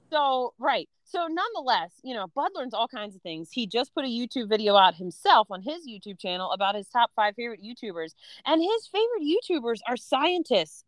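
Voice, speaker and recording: A woman's voice: fairly high pitch, a bit bright, dry recording, rough recording. A woman in her thirties, a homeschooling mom co-hosting a podcast, talking frankly and casually with lots of "um" and "you know". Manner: chatty, frank, many fillers like "um" and "you know".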